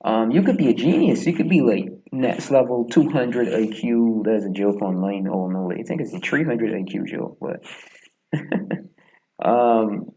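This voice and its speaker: This Barbadian-accented gaming vlogger in his twenties speaks at medium pitch, animated yet unhurried, with a warm tone. He rambles casually as he plays, meandering with plenty of fillers and chuckling asides. The audio is dull, recorded in a small, echoey room at home.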